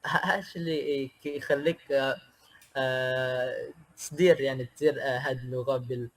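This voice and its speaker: A native Indonesian speaker from Indonesia, a man with a steady, mid-range voice, appears as a guest in a casual interview chat. He speaks hesitantly, with many pauses and filler sounds.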